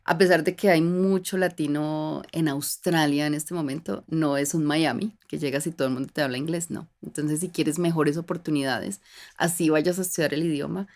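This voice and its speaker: Una mujer colombiana de unos treinta años, con acento de Bogotá, que conversa como invitada en una entrevista y cuenta sus vivencias con pausas y muletillas. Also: female voice, low-pitched, fairly even intonation. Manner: reflective, warm storytelling with frequent fillers and restarts. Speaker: guest. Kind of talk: casual conversational interview.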